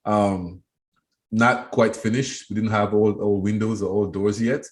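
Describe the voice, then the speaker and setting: A man in his thirties from Cameroon, an education trainer appearing as an interview guest, answers questions thoughtfully at a measured pace. His voice is lowish with fairly even intonation, and he often restarts and repeats words while thinking.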